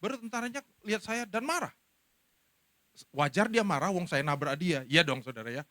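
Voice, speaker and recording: Lively high-voiced middle-aged man preaching. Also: a little fast, no room sound. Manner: animated storytelling, acting out quoted speech. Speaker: pastor. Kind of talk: sermon.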